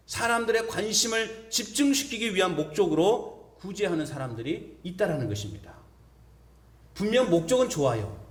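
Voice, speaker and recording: A male pastor preaching a sermon to his congregation, putting rhetorical questions to the listeners. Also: high voice. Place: church sanctuary. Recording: echoey church hall.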